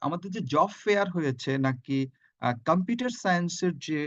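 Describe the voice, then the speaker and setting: A middle-aged man with a Bangladeshi accent speaks in a high, expressive voice. As a phonetics lecturer in an online lesson over a video call, he drills pronunciation sound by sound, slowly repeating words and spelling out each sound. The recording is dry, with no echo, and the high frequencies are cut off.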